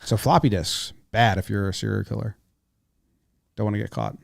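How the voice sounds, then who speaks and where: A man's voice: lowish voice, normal speed, vocal fry, no echo, clean studio sound. A man, talking casually as a podcast co-host. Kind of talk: casual podcast banter and ad reads.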